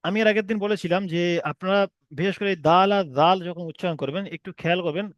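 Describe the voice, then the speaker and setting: A man teaching an online reading class, who explains patiently and drags out each letter name slowly. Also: high voice, no echo, dull audio. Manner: explains patiently, repeats letter names slowly with long drawn sounds. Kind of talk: recorded online class lesson.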